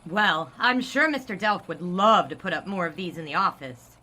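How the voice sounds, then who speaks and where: A woman playing a bright, chipper young editor from the 1920s whose pitch bounces all over. Her talk is breezy and wide-eyed, in old-time radio style. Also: expressive, moderate pace. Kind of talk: 1940s radio acting.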